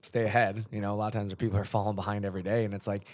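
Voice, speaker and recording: A man in his thirties hosts a casual business podcast, rambling along in a relaxed way with plenty of fillers. His voice sits low and he talks quickly. The sound is dry and close. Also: dry recording. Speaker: podcast host, company leader.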